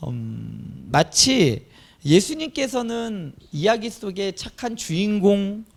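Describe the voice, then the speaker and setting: A male pastor delivers a sermon with a high, gravelly voice. His pitch swings widely as he preaches, rising to emphatic peaks. The delivery is animated and earnest. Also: slow. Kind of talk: Easter sermon.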